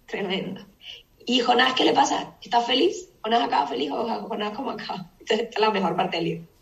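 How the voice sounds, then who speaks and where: Gravelly-voiced woman teaching Scripture. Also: a little high, a little fast, dull audio. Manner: animated storyteller, asks the group questions. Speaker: Bible study teacher. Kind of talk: lively casual Bible teaching. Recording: echoey room, distant mic.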